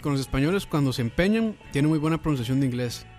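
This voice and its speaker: A Costa Rican man hosts a casual podcast, chatting easily and laughing often. His voice sits a bit high for a man. Faint music plays in the background. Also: lively intonation, fast talker. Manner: laughing, easygoing banter. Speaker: podcast host. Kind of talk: casual chat.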